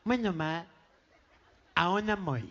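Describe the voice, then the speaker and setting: A man's voice: high-pitched, takes it slowly, a bit bright, lo-fi sound, voice pushed down, exaggerated voice. A man with an Argentine accent voicing a small boy who has a nasal speech impediment and mumbles his words. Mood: nasal mumbling. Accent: Argentine Spanish.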